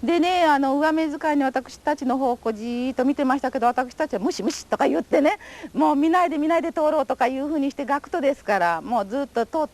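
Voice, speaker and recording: A woman's voice: high-pitched, quick pace, darkish tone. An older woman giving a recorded testimony interview, telling her memories in polite, formal, vivid storytelling. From Japan. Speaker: atomic bomb survivor giving testimony.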